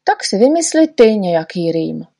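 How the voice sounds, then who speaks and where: A woman voicing a tiny, eager, boastful male know-nothing in a storybook reading, talking excitedly and bragging. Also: mid-range voice, vocal fry. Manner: excited, shouty, quick to brag.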